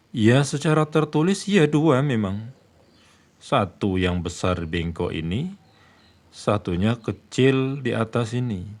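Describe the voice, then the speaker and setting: A man teaching a tajwid lesson, patiently repeating each point and posing and answering his own questions. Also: medium pitch. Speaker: Quran recitation teacher.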